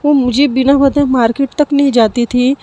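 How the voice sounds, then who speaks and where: A woman's voice: high voice, completely flat delivery, unhurried, mellow, voice pushed up. A woman voicing a hurt teenage girl who pleads through tears, her words catching and breaking.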